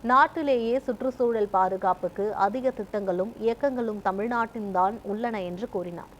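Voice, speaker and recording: A woman reading a news report in a formal, even newsreader style. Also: mid-range voice, lo-fi sound, a little hiss or hum. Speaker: news reader. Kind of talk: scripted news narration.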